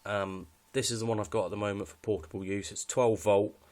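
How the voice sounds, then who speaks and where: This British hobbyist presenter walks viewers through his radio kit off the cuff, plainly and somewhat hesitantly. His lowish, slightly mellow voice holds a steady tone at a fairly quick clip.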